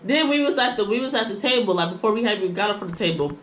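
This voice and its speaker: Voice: mid-range voice, expressive, racing, a bit bright. A person chatting casually as a co-storyteller, informally acting out remembered dialogue and adding commentary. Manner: informal, repeats and acts out dialogue. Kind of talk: casual storytime chat, quoting past exchanges. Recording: roomy echo, faint background noise.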